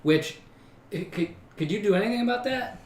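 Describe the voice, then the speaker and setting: A man's voice: high-pitched, expressive, moderate pace, a little mellow. A man playing a tabletop game, chatting casually as a player. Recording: echoey room, distant mic, faint noise.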